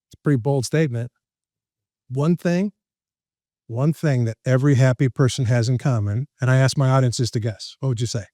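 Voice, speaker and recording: Lively joking male speaker, dry sound. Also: mid-range voice, moderate pace, dry recording. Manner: lively, jokey, laughs at his own lines. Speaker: podcast guest, professional speaker and trainer. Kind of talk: animated storytelling in conversation.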